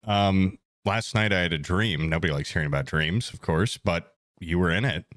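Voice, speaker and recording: A young man co-hosting a podcast, telling a dream story in a joking, animated way. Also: deep voice, normal speed, dry recording, clean studio sound. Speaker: podcast co-host. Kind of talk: casual chat.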